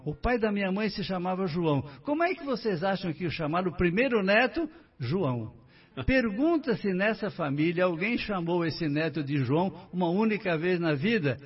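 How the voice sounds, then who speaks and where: A man's voice: sits high, husky. An older man from Brazil, a guest on a radio talk show, telling his life story and talking straight to the listeners. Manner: warm storytelling, addressing listeners directly. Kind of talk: casual radio interview. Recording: muffled distant radio studio mic.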